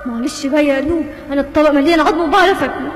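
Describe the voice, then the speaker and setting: A woman voicing a friendly male dog in a lower, bluff voice, with an Egyptian accent. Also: very fast, very noisy, natural voice. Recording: echoey, voice set back.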